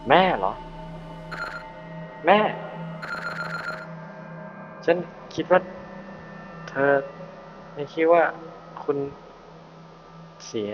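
A man voicing a frightened young girl who is lost and searching for her mother, reading her lines slowly and anxiously. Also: medium pitch, lightly acted. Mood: pleading. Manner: reads the character's lines aloud slowly, pleading and anxious. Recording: slightly dull stream audio over loud game music.

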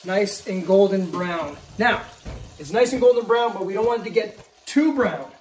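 Middle-aged man, home cooking host, fairly high voice, easygoing instructions, echoey kitchen, camera mic at a distance. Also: expressive, moderate pace, darkish tone. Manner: easygoing step-by-step instructions, often checks in with okay. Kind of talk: casual cooking demonstration.

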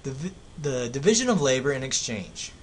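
American guy doing a professor style lecture over slides, mid pitch voice, bit of noise and rumble behind him. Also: big pitch swings, fairly quick. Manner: explanatory, professor-like lecturing with everyday examples. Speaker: economics teacher. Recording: clear background noise, low rumble.

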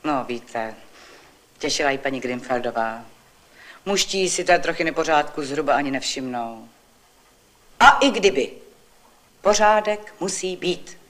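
A woman doing a busy housewife, fussy and indignant, quick chattering complaints, vintage storybook reading. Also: deep voice, animated, fairly bright tone. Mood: chatty.

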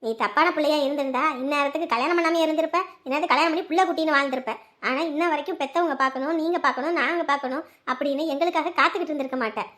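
A fierce elderly aunt, loud and scolding, very high voice, family drama. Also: female voice, racing. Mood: reassuring. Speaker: protective aunt. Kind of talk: Tamil family drama acting.

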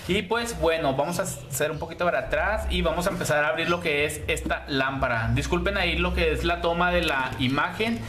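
A man with a fairly high voice presents a casual hands-on product review. He is chatty and a bit hesitant, often repeating words and softening them with diminutives. The room echoes clearly, with some faint noise behind him. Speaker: YouTube beauty channel host reviewer. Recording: roomy echo with background hiss.

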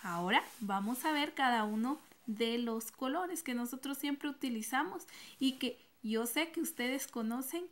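A woman's voice: sits high, measured pace. A woman teacher giving a recorded online class, speaking patiently and repeating each word for her pupils.

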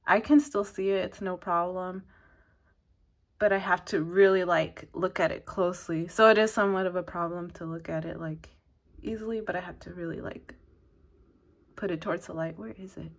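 A woman's voice: on the low side, steady tone, moderate pace, gravelly. A woman giving a casual, loosely organized knitting product review, rambling and dropping in lots of "like". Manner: self-described advanced beginner knitter. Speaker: knitting channel host reviewing needles.

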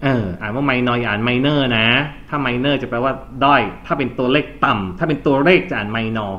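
A man's voice: mid-range voice, brisk. Male teacher drilling vocabulary. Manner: loud drilling, repeats words for students to echo. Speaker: English teacher. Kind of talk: classroom vocabulary and grammar lesson. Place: classroom. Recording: dull lo-fi classroom recording with faint noise.

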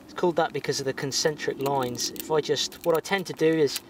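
A man's voice: fairly high pitch, background noise. Young man explaining fire lighting outdoors. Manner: explains steps calmly while working with his hands, pauses to blow on embers. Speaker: bushcraft host. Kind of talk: instructional outdoor vlog. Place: outdoor woodland camp shelter.

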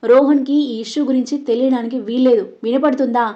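A woman voicing a cold young man bent on revenge, speaking gravely and seriously. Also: sits high, fairly even intonation, fast, highs cut off, lightly acted. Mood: menacing.

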